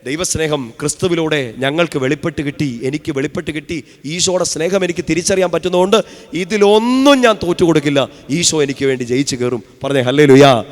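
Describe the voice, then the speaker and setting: A fairly high-voiced male priest preaches a fervent retreat sermon, sinking to near-whispers and then rising to loud calls for the crowd to answer. His voice rings out with a long hall reverb. He has a touch of a sore throat. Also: a little fast. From Kerala, India. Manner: swings from hushed to loud calls, leads congregation in responses.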